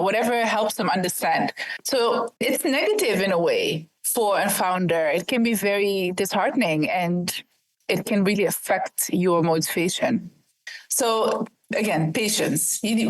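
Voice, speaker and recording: Woman in her thirties, from Ethiopia, investor guest, direct and earnest, rhetorical questions, mid-pitched voice. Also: low-quality recording. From Ethiopia, raised in the Netherlands. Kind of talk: podcast interview answers.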